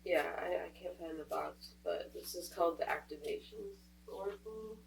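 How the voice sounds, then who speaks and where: Her voice is lowish and creaky, moving at a moderate pace as she does a casual tarot reading. She's stuffed up with a cold yet chatty, thinking aloud throughout. The recording has a faint hum, and she's a bit distant from the mic.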